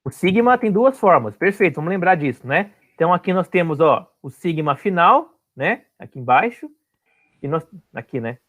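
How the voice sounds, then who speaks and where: A man's voice: fairly high pitch, sing-song, moderate pace, a bit bright. A man teaching an online class, explaining step by step and often checking that his students follow.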